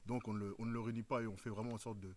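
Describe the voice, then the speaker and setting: A man with a fairly low voice, a music producer, talks quickly but hesitantly as he hunts for the right words. Faint room noise sits behind him. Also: level tone, a little mellow. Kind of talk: conversational interview.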